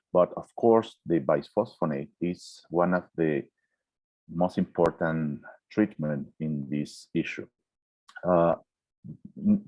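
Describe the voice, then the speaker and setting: Man, deep voice, surgeon, careful explaining, many fillers, dull dry video-call sound. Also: darkish tone, no room sound. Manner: careful, explains slowly with frequent fillers and checks of okay. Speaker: orthopedic surgeon answering questions. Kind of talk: answering questions in a webinar. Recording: muffled, dry online call audio.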